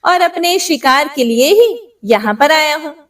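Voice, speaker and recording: A woman voicing a gentle, devout holy man who speaks with pleading devotion in a told story. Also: high-pitched, lively intonation, a little slow, far from the mic.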